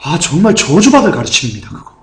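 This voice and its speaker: A male pastor's fervent sermon rings through an echoey church hall as he speaks fast in a high voice. His pitch swoops wildly while he keeps throwing questions at the congregation.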